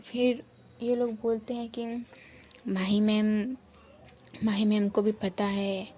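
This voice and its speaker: Female storyteller, casual and chatty narration, mellow tone. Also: mid-range voice, flat delivery, takes it slowly. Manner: chatty, repetitive framing of who says what.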